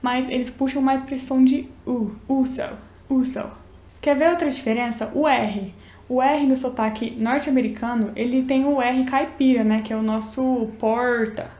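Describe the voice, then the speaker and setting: A woman's voice: sits high, steady tone, normal speed, a little mellow. Chatty Minas Gerais woman teaching. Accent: Minas Gerais Brazilian Portuguese. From Minas Gerais, Brazil. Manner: chatty, explains and demonstrates pronunciations. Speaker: English teacher. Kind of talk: casual teaching vlog. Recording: echoey room.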